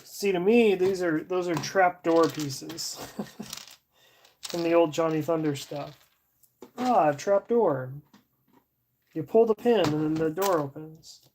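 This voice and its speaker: A woman streamer chatting casually as she sorts, thinking aloud with fillers and soft laughs. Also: sits low, slow, long pauses. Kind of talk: casual livestream chat while sorting. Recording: audible background noise.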